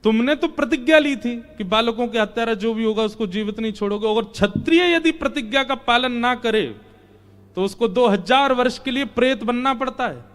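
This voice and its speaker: A man's voice: very high-pitched, normal speed, a bit bright, pitched above the performer's own voice. A man voicing a divine male lord who guides and presses with questions in a devotional story. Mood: urging. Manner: insistent, teasing questions.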